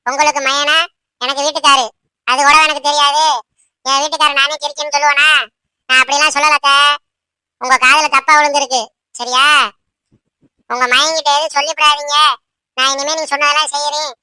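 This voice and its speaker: Cartoon young daughter-in-law, put-upon, pleading, grumbling, bright high voice, dry. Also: female voice, flat delivery, fairly quick, pauses often, dry recording. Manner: pleading to her face, grumbling aside. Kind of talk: cartoon voice acting.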